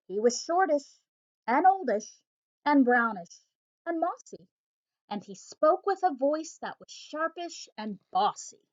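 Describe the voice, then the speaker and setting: A woman teacher reads a rhyming picture book aloud, her high voice rising and falling with lively expression. The recording has a slightly dull, lo-fi sound.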